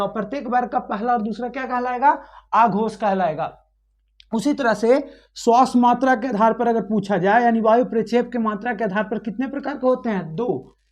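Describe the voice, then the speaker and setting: Woman, teacher, fairly high voice, classroom lesson, asks and answers her own questions, repetitive drilling. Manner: asks questions and answers them, repeating key points.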